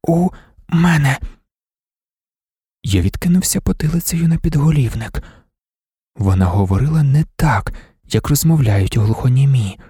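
A man reading an audiobook in a measured, quiet first-person storytelling manner. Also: mid-range voice, lively intonation, husky, dry recording, studio quality. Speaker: narrator. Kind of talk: audiobook narration.

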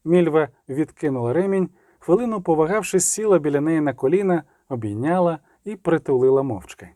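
A man reads a fantasy audiobook with steady, dramatic storytelling. His voice sits slightly high for a man, with a dark, mellow timbre, recorded close and dry with no room sound. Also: brisk, no echo. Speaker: narrator.

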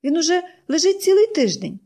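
A woman's voice: very high-pitched, sing-song, brisk, dark tone, voice pushed up, full character voice. A woman reading an audiobook, voicing an eager, pleading young girl. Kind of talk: audiobook character voice.

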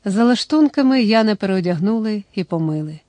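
A woman narrating a novel as an audiobook in a steady storytelling manner. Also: medium pitch, brisk, no room sound.

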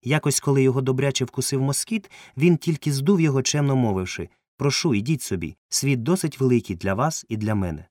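A man's voice: medium pitch, brisk, few pauses, a little mellow, no room sound, voice pushed up, natural voice. A man voicing a fussy, eccentric male entomologist, pedantic and easily indignant, in a dry, close recording.

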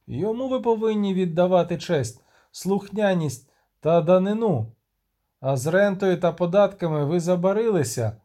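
A man's voice: sits high, expressive, moderate pace, mellow, voice pushed up. A man voicing a stern, authoritative male military commander who proclaims orders. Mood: commanding.

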